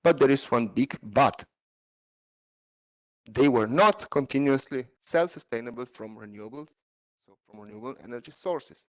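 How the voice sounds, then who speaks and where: A man, a PhD student, giving an online seminar talk over a video call, halting with many fillers and non-native phrasing. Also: mid-range voice, rough recording.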